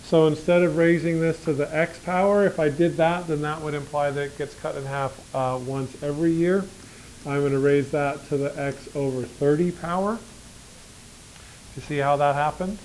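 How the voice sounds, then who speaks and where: A man's voice: fairly high pitch, steady tone, normal speed, darkish tone, a little hiss or hum, low-quality recording. A man teaching a math class, talking casually, joking and asking students questions as he works through problems. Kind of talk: classroom lecture.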